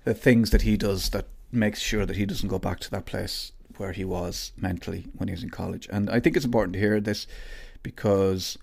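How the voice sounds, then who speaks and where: A man's voice: sits low, steady tone, a little fast, creaky, few pauses, darkish tone, breathy edge. A man hosting a casual podcast interview, informal and rambling as he thinks aloud.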